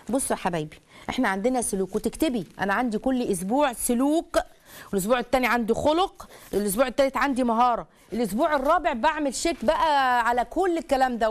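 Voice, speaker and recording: A middle-aged woman with an Egyptian Arabic accent, hosting an advice talk show as a family counselor, talking in an animated way and acting out the voices of the family members she quotes. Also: fairly high pitch. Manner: rapid, animated, acts out quoted family dialogue.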